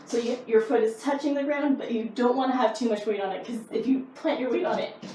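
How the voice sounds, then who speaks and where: A woman explains karate drills in an informal, easygoing teaching style. Her voice is on the higher side. The sound is roomy and echoing, a bit distant from the mic, with faint noise. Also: fairly even intonation, fast talker, warm tone. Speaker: karate instructor. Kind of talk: casual instructional explanation of techniques.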